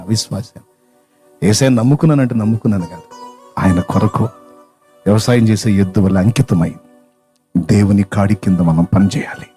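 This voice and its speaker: A man's voice: fairly low pitch, dark tone. A man preaching a sermon through a story, emotional and impassioned. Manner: emotional, builds to impassioned crying-out.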